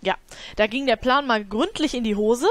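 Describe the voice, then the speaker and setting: A woman's voice: a little high, normal speed, fairly bright tone. A woman hosting a let's play, commenting casually on her game and scolding her characters with exasperated, laughing outbursts.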